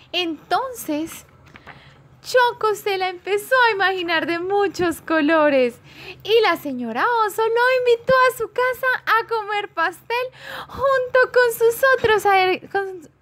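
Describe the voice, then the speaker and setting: A woman telling a children's story aloud, taking it slow and expressive. Her voice is very high and she lingers over each phrase.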